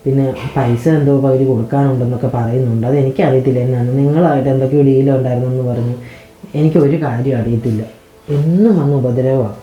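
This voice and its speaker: A woman's voice: very deep voice, fairly even intonation, fast, warm tone, muffled recording, soft background music. A woman playing a tired young married daughter who complains about her hard life. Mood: weary. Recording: echoey room.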